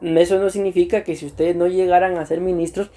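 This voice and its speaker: Mellow pastor teaching deacons. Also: male voice, high voice, little pitch movement. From Costa Rica. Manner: earnest and unhurried, repeats himself, often clears his throat. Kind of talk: church teaching to new deacons.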